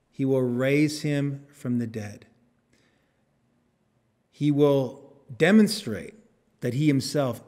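A man's voice: medium pitch, a little mellow. A male pastor preaching a sermon, earnest, repeating key phrases and putting questions to the congregation, children included. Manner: asks the congregation questions, also speaks to children. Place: church sanctuary. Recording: long church hall reverb.

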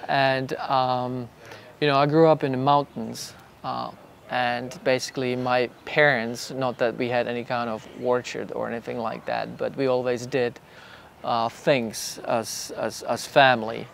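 This middle-aged bonsai artist from Czechoslovakia speaks a little slowly in a flat, medium-pitched voice with vocal fry, and a little hiss or hum can be heard. He's patiently and casually explaining things in a garden under a wooden pergola, with lots of fillers and restarts.

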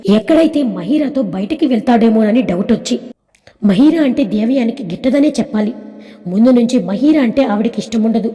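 A woman narrating a family drama story in a lively, chatty way. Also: fairly high pitch. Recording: echoey reverb.

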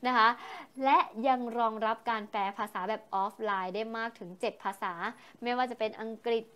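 Female tech presenter, a bit high-pitched, casual and exclamatory. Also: fairly even intonation, normal speed, a bit bright, smooth. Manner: chatty, exclaims often, frequent polite particles. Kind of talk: casual tech product talk.

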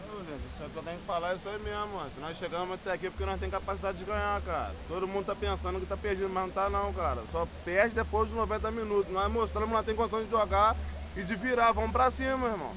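A fired-up Brazilian player rallies his teammates in quick, slangy speech. His voice is high, and a crowd is clearly heard behind the muffled audio. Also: fairly even intonation. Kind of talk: locker-room pep talk.

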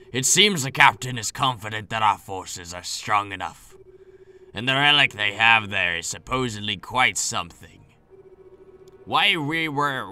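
A man voicing a gruff, scheming male sky pirate in a game playthrough, speaking low and measured. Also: sharp tone, exaggerated voice.

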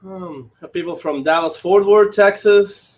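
A man's voice: high-pitched, unhurried. A man co-hosting a casual livestream while working on a car engine in a garage, talking in a laid-back, chatty way. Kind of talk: casual chat while wrenching. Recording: lo-fi with faint noise.

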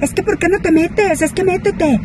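A woman voicing a rude, pushy woman driver who shouts bossy orders from her car window. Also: extremely high pitch, normal speed, background noise, pitched above the performer's own voice. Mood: shrill bossy.

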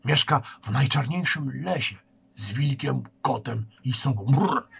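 A man reading the part of a frightened, pale youth, talking in a hushed, fearful way. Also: mid-range voice, measured pace, gravelly, slightly rough, full character voice.

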